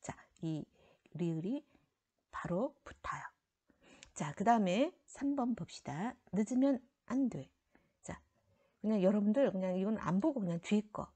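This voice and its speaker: A woman with a warm, husky, mid-range voice teaches a middle school grammar lesson in this recorded classroom lecture. She is animated yet unhurried, laying out the rules step by step, and some of her phrases trail off into a near whisper.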